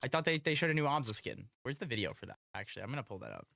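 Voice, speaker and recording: A casual live streamer with a bright, mid-pitched voice. The delivery is very animated, slangy and exclamatory. The sound is close and dry. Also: racing, vocal fry, no echo.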